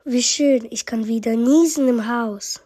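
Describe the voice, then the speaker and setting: A woman's voice: fairly high pitch, measured pace, warm tone, breathy edge. Woman voicing a fretful old grandma. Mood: relieved. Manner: rhyming, wailing lament. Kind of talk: rhyming story reading.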